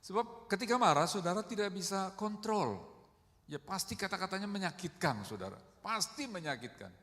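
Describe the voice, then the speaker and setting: A middle-aged man preaching a sermon in a conversational way, often calling the congregation "saudara" and acting out quoted speech with big swings in loudness. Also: sits high, very animated, normal speed. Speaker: pastor. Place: church hall. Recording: long hall reverb.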